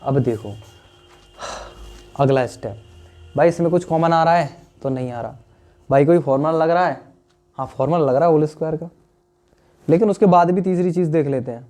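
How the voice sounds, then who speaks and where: Chatty young man teaching maths, bright-pitched. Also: moderate pace, long pauses. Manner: chatty, addresses students as "dear friends", asks "understood or not?". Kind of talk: classroom lesson explaining solutions.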